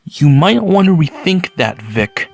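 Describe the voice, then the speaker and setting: Higher-voiced man reviewing on video. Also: very animated, a little slow, gravelly, over music. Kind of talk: scripted review commentary.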